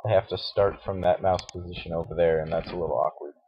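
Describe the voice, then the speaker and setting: A man with a deep, groggy morning voice talks casually through a screen-recorded tutorial. He hesitates often, with fillers and restarts. His cheap mic sounds dull, with a faint hiss and mouse clicks behind him. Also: steady tone, quick pace. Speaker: tutorial host. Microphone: cheap computer microphone.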